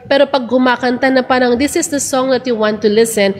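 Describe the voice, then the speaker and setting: A woman's voice: sits high, fairly even intonation, brisk, long reverb tail. A woman hosting a casual religious talk, chatty and earnest, switching between Tagalog and English. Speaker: church program host.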